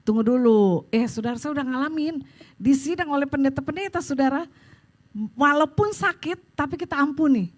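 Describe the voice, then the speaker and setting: A woman's voice: high voice, brisk. A woman pastor preaching a sermon at a church service, telling stories and speaking straight to the congregation. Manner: animated storytelling, addresses the congregation directly.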